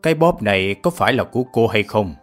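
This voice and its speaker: A man playing a stern, slow-spoken prosecutor. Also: lowish voice, expressive, soft background music. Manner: slow, deliberate, accusing. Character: stern male French-era prosecutor interrogating a suspect.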